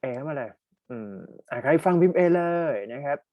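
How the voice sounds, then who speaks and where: A young man with a Thai accent teaching an online English exam-prep lesson. He reads test sentences slowly and explains them quickly, and he asks the students to type their answers in the chat. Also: fairly high pitch, dry recording, phone-quality sound.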